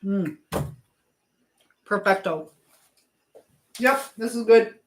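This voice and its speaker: Speaking very slowly at a medium pitch, a language teacher hosts a casual cooking livestream from her home kitchen. Her talk rambles as she chats and thinks aloud. The recording is echoey and roomy, with clear background noise.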